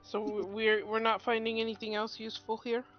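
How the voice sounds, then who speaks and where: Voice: mid-range voice, monotone, a little fast. A player with a mid-range voice talks through plans, hesitating and restarting. The sound is dull and lo-fi, with faint music behind. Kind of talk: casual tabletop chat.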